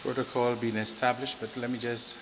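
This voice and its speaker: A man gives a formal, measured podium speech, introducing a guest with ceremony. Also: medium pitch, little pitch movement. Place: large echoing room at a formal launch. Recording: echoey hall, noisy hiss.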